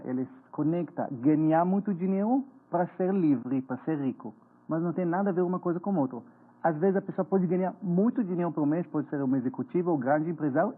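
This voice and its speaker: On a TV interview, a finance author in his forties explains his points earnestly, if a bit haltingly, with an Israeli accent; he's from Israel. His pitch is fairly high with a breathy edge, and the broadcast audio sounds tinny, like a phone.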